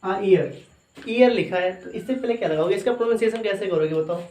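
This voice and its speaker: A man's voice: high voice, a little fast, darkish tone. A male teacher gives a lecture, asking questions and answering them himself, and repeating them often. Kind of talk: classroom lecture. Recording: echoey room.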